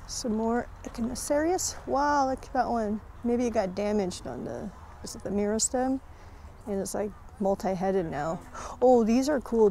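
A woman casually narrating as she walks through an outdoor plant nursery, chatty and enthusiastic, thinking out loud. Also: fairly high pitch, slight background noise. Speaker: plant vlogger.

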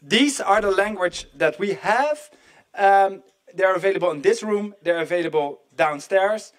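A man's voice: high voice, unhurried. A middle-aged man moderating a live event in a conference hall, chatty and joking as he speaks straight to the audience. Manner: chatty, jokey, addresses the audience directly.

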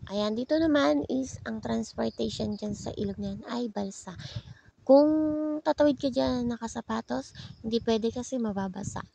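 A woman's voice: a little high, moderate pace, vocal fry, warm tone, slightly rough. A woman from Bicol narrating her vlog in a chatty, playful, self-mocking way. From Bicol, Philippines. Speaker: vlogger. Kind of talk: casual vlog voice-over narration.

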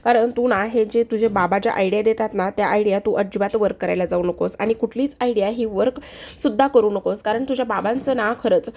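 Teasing, coaxing middle-aged mother with a gravelly edge, voiced by a woman narrator; chatty and playful. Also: mid-range voice, fairly quick, a little mellow, lightly acted.

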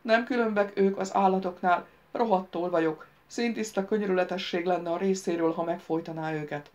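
Her voice is fairly low and fairly even in intonation, and the audio sounds dull. As an audiobook narrator, this woman lifts her volume and energy for characters' spoken lines compared with the surrounding narration.

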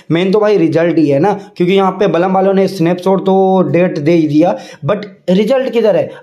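A man's voice: sits high, mellow. Insistent chatty man explaining on screen. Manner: chatty, repeats filler phrases, mixes in English words; insistent, direct address to viewers. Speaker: crypto YouTuber. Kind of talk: casual screen-walkthrough explainer.

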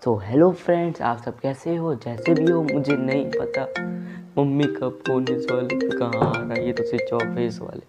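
A man's voice: mid-range voice, fairly even intonation, normal speed. A young man performing a comic sketch of one-sided phone calls, exasperated and repeatedly restarting his greeting. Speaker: comedy sketch creator. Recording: loud background music.

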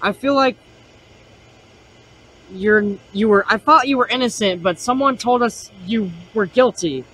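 Husky, higher-pitched man hunting ghosts. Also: unhurried, pauses often, sharp tone, poor audio. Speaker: ghost-hunting vlog host. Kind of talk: paranormal investigation, addressing spirits with questions. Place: outdoors in a cemetery at night.

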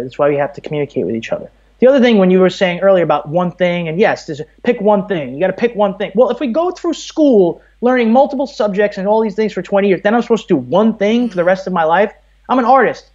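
Dull audio captures this man's high, slightly mellow voice. An American-accented Brooklynite in his thirties, he rambles through an opinionated podcast interview with earnest emphasis.

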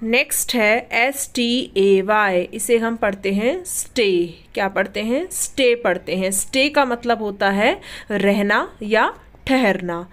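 A woman's voice: medium pitch, slow. A woman with an Indian accent teaching English words, spelling each one, asking what it is read as and answering herself. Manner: spells each word letter by letter, then asks and answers it. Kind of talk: slow vocabulary lesson.

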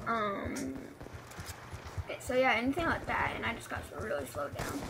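High-pitched woman talking with braces. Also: very animated, moderate pace, vocal fry, background noise. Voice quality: slurred speech from wearing braces. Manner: rambling, hesitant. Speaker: gaming video creator. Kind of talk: casual gameplay commentary.

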